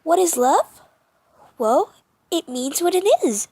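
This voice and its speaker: In an amateur comic dub, a woman plays a falsely cheerful flower creature, chirpy and overly friendly, restarting in the middle of words. Her voice is very high and pushed up, slow, expressive and a little mellow, heavily acted in a dry recording.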